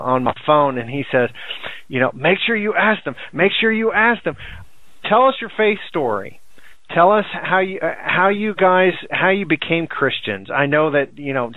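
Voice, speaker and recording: A man's voice: fairly high pitch, dry recording. A man hosting a radio interview on a headset, friendly and tripping over his words. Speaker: radio host. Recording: dry tinny phone line.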